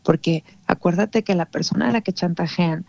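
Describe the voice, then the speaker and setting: This guest explains emotional matters with patience, her fairly low voice gravelly yet a little mellow, moving at an ordinary speed. She keeps adding a questioning "¿no?" throughout the conversation, and the audio is dull with no room sound.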